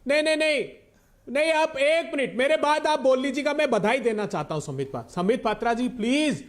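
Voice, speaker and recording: Male Indian political spokesperson for a TV debate; very high-pitched, insistent, rhetorical delivery. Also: lively intonation, fairly quick. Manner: insistent, pleading to be heard, rhetorical.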